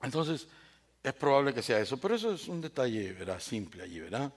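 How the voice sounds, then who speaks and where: A man's voice: medium pitch, big pitch swings, brisk, slightly rough. A male pastor preaching a sermon with dramatic swings, who asks rhetorical questions and speaks directly to the congregation. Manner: addresses listeners directly and by name.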